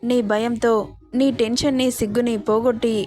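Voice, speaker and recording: A woman's voice: a little high, flat delivery, moderate pace, darkish tone, faint music behind, close to an everyday voice. Woman reading as a teasing young husband.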